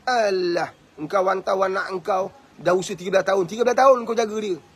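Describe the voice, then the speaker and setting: Emphatic Malaysian Malay preacher, high voice. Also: male voice, very fast, husky. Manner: emphatic, full of rhetorical questions. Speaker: madrasah owner and preacher. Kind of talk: religious talk.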